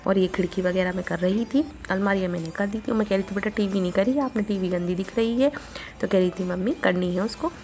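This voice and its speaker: Chatty homely woman, gravelly voice. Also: medium pitch, fairly quick, a little mellow. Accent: Bundelkhandi Hindi. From India. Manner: chatty, homely, retells family talk. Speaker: vlogger. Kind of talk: casual daily vlog narration. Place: home, kitchen.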